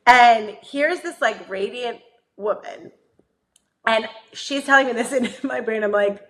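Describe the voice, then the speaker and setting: A woman's voice: a little high, a little slow. A woman in her thirties co-hosting a casual podcast, telling a story with lots of energy. She laughs often and acts out the voices of the people in it. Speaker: podcast co-host.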